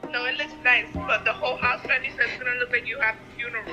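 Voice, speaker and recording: A woman's voice: a little high, steady tone, racing, highs cut off. A middle-aged woman talking casually in conversation. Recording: distant voice under music.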